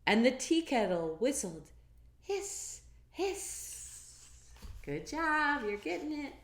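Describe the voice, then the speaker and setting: In a roomy-sounding recording, a woman with a high voice and big pitch swings reads a picture book to kids. Her delivery is an encouraging, drawn-out sing-song, broken by interactive asides to the little ones.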